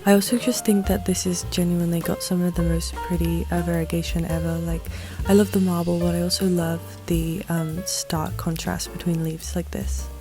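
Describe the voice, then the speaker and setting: A woman's voice: lowish voice, level tone, moderate pace, over music. A young woman chatting casually and self-deprecatingly about her collection, recorded on a dedicated microphone in a large, echoey bedroom. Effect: big room echo. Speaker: vlogger. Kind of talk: casual chat. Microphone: dedicated microphone, not a phone.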